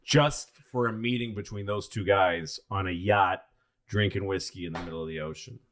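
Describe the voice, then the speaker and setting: A man co-hosting a podcast, telling history stories in a rambling, profane, animated way. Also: fairly low pitch, moderate pace, gravelly. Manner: rambling, profane, animated storytelling with many restarts. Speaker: podcast co-host. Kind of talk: casual storytelling chat.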